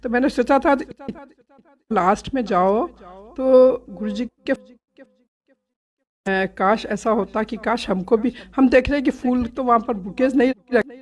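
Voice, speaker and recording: A middle-aged woman telling a devotional story from a satsang visit, animated and laughing, acting out many quoted exchanges. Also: a little high, measured pace, long pauses. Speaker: devotee sharing a satsang experience. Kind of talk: storytelling testimony.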